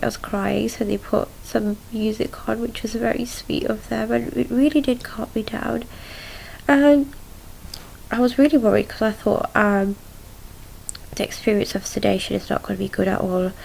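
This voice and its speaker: Young woman, creaky voice, subdued and halting. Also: on the high side, a little mellow, a little hiss or hum, rough recording. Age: young adult. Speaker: patient recording a video diary. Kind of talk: casual video diary recounting events. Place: small room at home, indoors.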